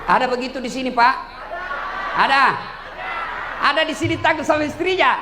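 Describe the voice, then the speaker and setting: A man's voice: very high-pitched, normal speed, over a noisy crowd, very noisy. A man with a Bugis-Makassar Indonesian accent preaching a humorous sermon, joking with and teasing the audience. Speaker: Islamic preacher.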